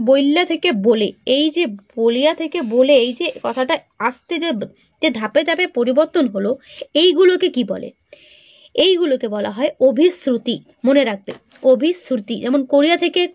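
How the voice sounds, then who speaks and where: A woman with a high voice teaches an exam-prep grammar lesson. She poses each question, answers it herself and repeats the key terms. The recording is dry and close to the mic. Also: dry recording.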